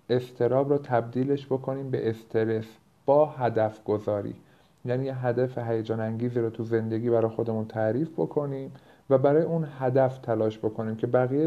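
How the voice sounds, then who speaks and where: A man hosting a podcast as a coach, explaining informally with hesitant pauses and filler sounds, in low-quality audio. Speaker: productivity coach and podcast host. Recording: low-bitrate, dull lo-fi home-edited audio.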